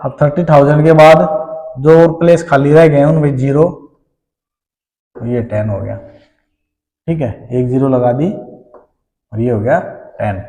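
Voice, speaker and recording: A man's voice: medium pitch, slow pace, pauses often, warm tone, long reverb tail, rough recording. A man with an Indian accent teaching a math lesson, explaining step by step and often checking in with his students.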